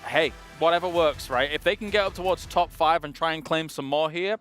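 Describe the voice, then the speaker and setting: A man on an esports analyst desk, weighing positions in a measured, considered way in a broadcast studio. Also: on the high side, a bit bright, faint music behind.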